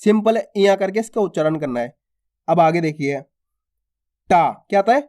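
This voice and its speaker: A man's voice: high voice, animated, normal speed, mellow. A man teaching how to read the alphabet, drawing out each letter sound and then giving example words, often checking whether his listeners follow. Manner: addresses listeners as friends and asks if they follow. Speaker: Hindi reading teacher. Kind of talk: alphabet lesson.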